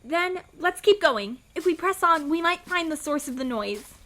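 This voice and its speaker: Woman voicing Bon Bon, a bright brave bunny. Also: high-pitched, animated, normal speed. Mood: earnest. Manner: earnest, caring. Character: brave, kind young bunny girl leading friends.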